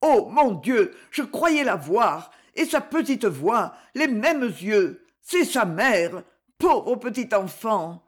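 A woman reading aloud as an old male servant, speaking slowly and haltingly with deep emotion. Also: big pitch swings. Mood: grieving.

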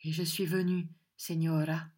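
A woman's voice: low voice, flat delivery, normal speed, a little mellow. A woman doing a grieving courtly nobleman.

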